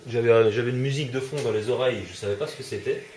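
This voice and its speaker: A man's voice: medium pitch, racing, reverberant, noisy background. A man commentating his own gameplay, swearing and yelping when startled. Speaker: let's play gamer.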